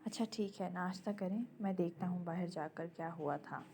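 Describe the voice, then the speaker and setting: A woman reading an audio novel, voicing a gentle young husband who speaks tenderly and reassuringly. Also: on the low side, slight background noise, lightly acted. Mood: affectionate.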